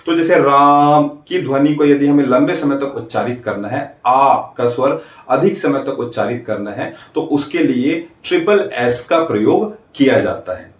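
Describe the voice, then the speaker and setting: A man teaching an exam-prep grammar class, walking through each point and checking in with quick rhetorical questions. He stretches out vowels to show how they sound. His voice sits a little back from the mic in a roomy space. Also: mid-range voice, recorded from a distance. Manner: explains step by step, asks rhetorical checks; draws out vowels to demonstrate.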